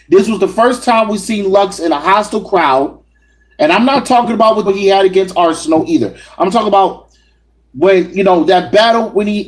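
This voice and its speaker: Addressing his viewers directly, a high-pitched man argues his opinions on battle rap forcefully in a solo commentary. The recording is low-quality.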